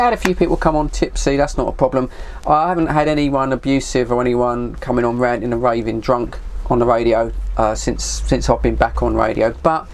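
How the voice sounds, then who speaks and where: A middle-aged Englishman, a hobbyist vlogger and CB radio enthusiast, chats to viewers from his shed in a casual, rambling, self-deprecating and mildly sweary way. His voice is fairly high and a little mellow.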